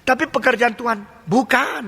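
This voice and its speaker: Emphatic older male preacher, high bright voice. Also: moderate pace, breathy edge. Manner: emphatic, with many rhetorical questions. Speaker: pastor. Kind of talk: sermon. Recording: long reverb of a large hall.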